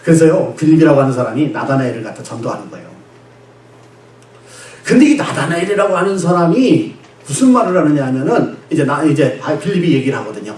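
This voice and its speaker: A male pastor delivering a Sunday sermon, animated and laughing, who asks the congregation questions and answers them himself. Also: on the high side, quick pace. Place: church sanctuary. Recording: echoey church sanctuary, distant mic.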